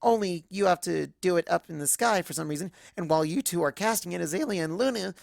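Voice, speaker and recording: In a studio-quality recording with no echo, a woman voices an excitable young female cartoon pony, bubbly and breathless as she rambles through a first-person story. Her pitch is fairly low, with vocal fry.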